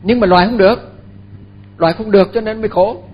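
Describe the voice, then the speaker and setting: An older man, a Buddhist monk, giving a dharma talk in an unhurried, halting way with many fillers and repeated words. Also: high voice, steady tone, breathy edge, highs cut off.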